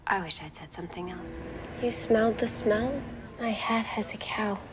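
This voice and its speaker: An actress playing a quippy, flustered young female vampire slayer with an American accent and a halting, rambling delivery in a television drama. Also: medium pitch, background noise, close to an everyday voice. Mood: wry. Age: young adult.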